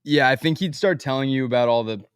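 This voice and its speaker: Young man, host, casual chat, laughing easily, mid pitch, dry sound. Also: fast talker, smooth, no echo. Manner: laid-back, laughs easily, lots of fillers.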